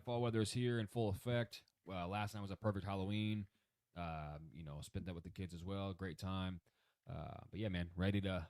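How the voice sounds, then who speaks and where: Laid back guy co-hosting sports chat, kinda low voice, dry sound, slangy. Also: a little mellow, no echo. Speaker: sports show co-host. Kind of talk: casual chat.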